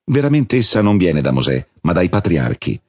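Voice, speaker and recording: A man reading the part of a calm, solemn male religious teacher in a measured, husky voice. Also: deep voice, dry recording, clean studio sound, full character voice.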